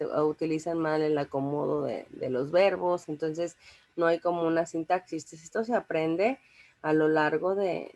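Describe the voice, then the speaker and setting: Young woman lecturing, lower voice, conversational with lots of fillers and check-ins. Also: darkish tone. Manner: conversational, many fillers and restarts, checks in with listeners. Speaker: teacher. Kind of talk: informal classroom lecture.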